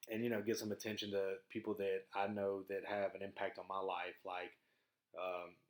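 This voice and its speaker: A young man with a Southern US accent and a fairly low voice hosts a homemade podcast. He rambles casually in everyday slang, easygoing and self-deprecating, speaking into a microphone in a small home studio. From Mississippi, southern US. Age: young adult. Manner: laid-back, slangy, chuckles at himself. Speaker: podcast host. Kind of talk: casual rambling vlog chat. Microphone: dedicated podcast microphone.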